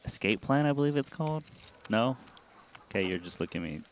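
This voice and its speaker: A man's voice: medium pitch, lively intonation, brisk. A man co-commentating on poker in a casual, playful, mock-serious way from a booth. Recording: faint background noise.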